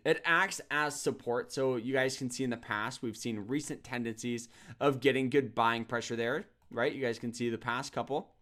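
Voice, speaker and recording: A man's voice: mid-range voice, moderate pace, a bit bright. A man with a mid-range voice walks viewers through a trading lesson over a screen share. His delivery is casual and upbeat, and he often doubles back on words. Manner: upbeat and promotional, repeats words. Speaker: trading course host.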